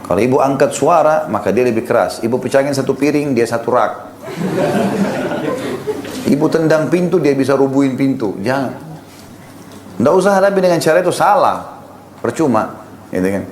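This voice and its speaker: A man giving a calm, explaining sermon as a preacher, now and then acting out short everyday dialogues. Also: mid-range voice, normal speed, pauses often, roomy sound, background noise.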